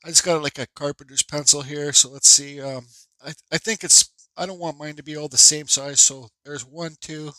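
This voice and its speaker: With a congested nose, a man who teaches woodcarving rambles through a carving tutorial at his bench, using fillers and restarting sentences. His voice is fairly high, bright and forceful, with a steady tone and normal speed. The recording is rough and has no room sound.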